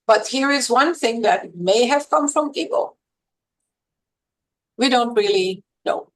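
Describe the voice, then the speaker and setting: A woman's voice: a little high, poor audio. Woman explaining like a lecturer. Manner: measured, lecturing, with fillers. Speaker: linguistics professor and guest. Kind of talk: explanatory interview talk.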